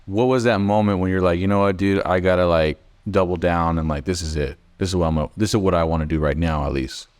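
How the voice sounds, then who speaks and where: A man's voice: deep voice, steady tone, fast, few pauses, clear, resonant tone. A man co-hosting a podcast, asking probing questions and often checking in with "right?". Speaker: podcast co-host. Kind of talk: casual podcast interviewing.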